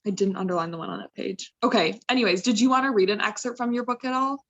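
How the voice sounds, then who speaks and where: A woman's voice: medium pitch, fast, fairly bright tone. A woman moderating an online book launch, reading out audience questions. She talks in a chatty, upbeat way and uses a lot of "like" fillers. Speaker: bookstore event moderator. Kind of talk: casual chat hosting an online book launch.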